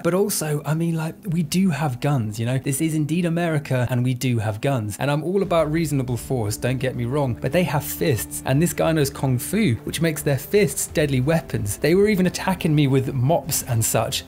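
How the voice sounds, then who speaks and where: Guy narrating a game review, bit high voice, dry tongue in cheek delivery. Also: darkish tone.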